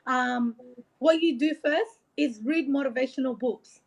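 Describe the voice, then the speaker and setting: Speaking unhurriedly in a high-pitched voice, a woman from Iraq plays a motivational coach in a casual interview. She rambles earnestly and encouragingly, often saying "like" and "you know," over dull, lo-fi sound.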